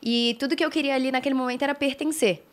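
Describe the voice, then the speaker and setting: A young woman, a fashion brand founder appearing as an interview guest, tells stories in a casual, conversational way. She has a Brazilian accent with a strong pulled Brasília r, and her high voice races along very fast with fairly even intonation.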